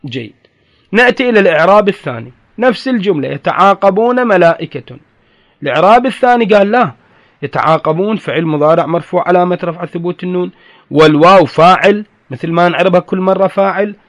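A man's voice: high-pitched, lively intonation, quick pace. A man teaching grammar, patiently explaining and repeating key terms to his students. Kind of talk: classroom lecture on grammar.

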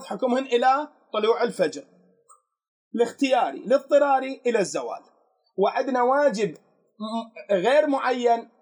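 A man with an Iraqi accent teaches a religious law lesson in a very high voice. His tone is husky and breathy. He keeps putting questions to his listeners and then answering them himself. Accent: Iraqi Arabic.

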